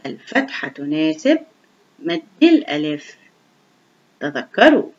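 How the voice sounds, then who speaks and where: A woman teaching young children to read in a slow, clearly enunciated, encouraging voice. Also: sits low, very animated. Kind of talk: online reading lesson for young children. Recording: dull lo-fi recording.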